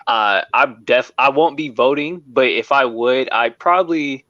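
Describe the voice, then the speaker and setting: Slow-talking man over dull call audio. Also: mid-range voice, sharp tone, dry recording. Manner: unhurried, halting. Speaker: call-in guest. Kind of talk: casual discussion.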